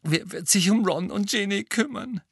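A woman's voice: mid-range voice, expressive, moderate pace, gravelly, slightly rough, dry recording, clean studio sound, voice pushed up. A man voicing a middle-aged witch and mother, crying and trembling with worry. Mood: anguished sobbing. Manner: tearful, trembling, breaking into sobs.

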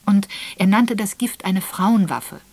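A woman's voice: mid-range voice, a little slow, darkish tone, dry recording, pitched above the performer's own voice. A woman voicing a young secretary who speaks in a raised, hesitant, apologetic way.

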